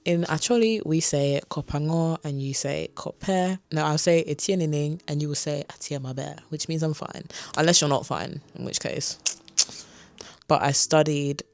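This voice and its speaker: Sitting on a beanbag in her bedroom with the camera in front of her, a woman in her twenties from South London fields viewer questions in a casual vlog. Her London-Kent accent comes through a low voice with fairly even intonation and a moderate pace, and she's candid and full of asides.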